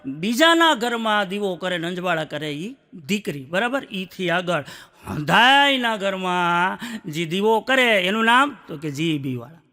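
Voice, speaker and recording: Bright-voiced comedian man. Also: high voice, sing-song, a little slow. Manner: chatty, acts out dialogues of wife and others. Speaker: stand-up comedian. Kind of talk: stand-up comedy storytelling.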